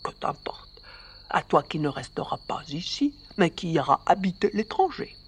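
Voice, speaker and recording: A narrator voicing a calm, wise male dog who gives advice in a radio story reading. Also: medium pitch, normal speed, a little hiss or hum, lightly acted. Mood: advising.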